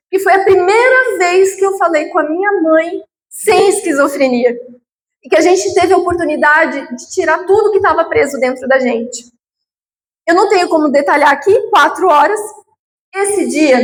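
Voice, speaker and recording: A woman with a high voice tells a deeply personal story to an audience, her words stretching into slow pleas and then climbing sharply. The sound is roomy and echoing, as if picked up across a lecture hall, with a faint hum behind her. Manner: heartfelt, with slow drawn-out pleading phrases and sudden high emotional peaks. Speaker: guest lecturer. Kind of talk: emotional personal testimony lecture. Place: lecture hall of a spiritual group.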